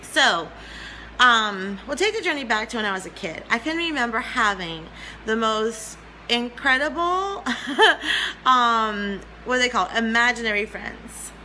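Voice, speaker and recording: A woman's voice: fairly high pitch, sing-song, a little slow, sharp tone, a little hiss or hum, poor audio. A woman in her forties, a spiritual teacher talking to livestream viewers in an earnest way, often repeating her phrases and greeting viewers by name. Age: 40s.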